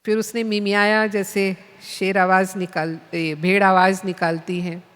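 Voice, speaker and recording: A woman spiritual teacher telling a story in a class, in an unhurried storytelling manner. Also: medium pitch, level tone, a bit bright, clear, resonant tone. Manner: unhurried storytelling, voices the animals. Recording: long hall reverb.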